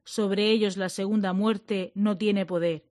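A woman giving a measured, solemn liturgical reading. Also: medium pitch, steady tone, a little mellow, no room sound, clean studio sound.

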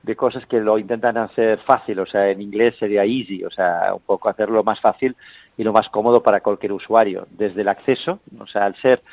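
A man calls in to a radio show, his fairly low voice squeezed through a narrow, dry phone line. He explains in long, meandering turns full of fillers and self-corrections. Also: fairly even intonation, brisk, no room sound. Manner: explanatory, many fillers and restarts, chuckles now and then. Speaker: interview guest explaining a vehicle.

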